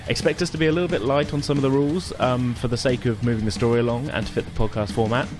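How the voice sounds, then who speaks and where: Over music and noisy room ambience, a man acts as game master for a tabletop role-playing game, narrating in a casual, loosely improvised style. His mid-range voice is steady in tone and quick in pace.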